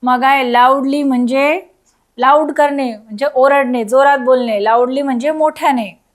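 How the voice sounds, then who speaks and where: High-voiced woman teaching children. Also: steady tone, moderate pace. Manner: spells words letter by letter, asks the children questions. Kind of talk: recorded school lesson for children.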